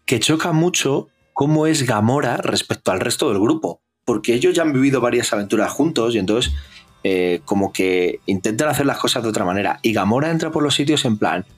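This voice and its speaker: A man, co-hosting a casual film review podcast, retelling scenes with animated bits of dialogue. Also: fairly quick, slightly rough, faint music behind. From Spain. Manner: animated, acts out film dialogue in raised pitch. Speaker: podcast co-host.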